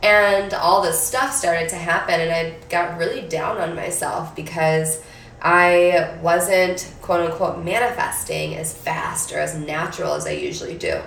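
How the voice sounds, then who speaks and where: A woman talks to her live-stream viewers in a chatty, upbeat way, sometimes swearing, her voice nasal from a cold and a little low. She sits back from the mic in an echoey room with faint noise behind her. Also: animated, unhurried, vocal fry, fairly bright tone, distant mic. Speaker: manifestation coach. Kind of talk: casual live stream talk.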